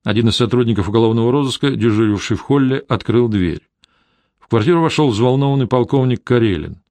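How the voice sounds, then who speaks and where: A man narrating a detective novel in an even, measured storytelling manner. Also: medium pitch, no room sound. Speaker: audiobook narrator. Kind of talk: scripted narration.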